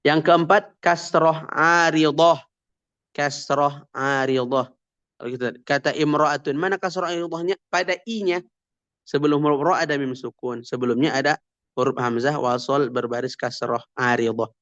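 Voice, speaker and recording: A man with a fairly high speaking voice teaches Quran recitation rules in a measured classroom manner. He stops to stretch out example words slowly and with emphasis before he goes on explaining. The audio sounds dull and lo-fi, like a recorded online lesson. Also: steady tone, a bit bright.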